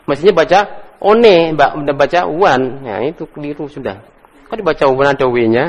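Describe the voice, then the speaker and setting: In a mosque study hall full of long reverb, a man gives an Arabic grammar lesson. His voice is fairly high and husky, and he corrects students patiently while offering frequent praise.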